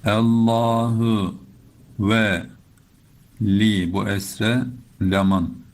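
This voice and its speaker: Male recitation teacher, low voice, very slow and patient, chants verses. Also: fairly even intonation, darkish tone. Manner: explains patiently, then chants verses slowly. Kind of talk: slow step-by-step recitation lesson.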